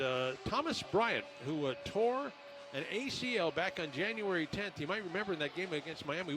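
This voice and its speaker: A man commentating on a basketball pre-game show as the radio broadcaster, in a conversational, halting way. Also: on the high side.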